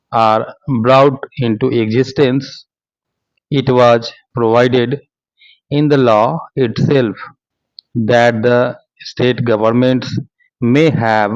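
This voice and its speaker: A man with an Indian accent dictating a speech for shorthand practice, measured and phrase by phrase. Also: mid-range voice, darkish tone, no echo, lo-fi sound. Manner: measured, phrase-by-phrase delivery with spoken paragraph marks. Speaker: stenography dictation instructor.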